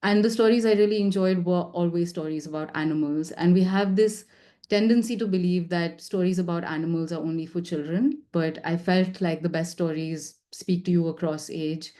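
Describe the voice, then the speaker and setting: Fast-talking young woman presenting her work. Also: lowish voice, steady tone, warm tone. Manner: fast, with many fillers and restarts. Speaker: seminar presenter. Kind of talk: academic presentation.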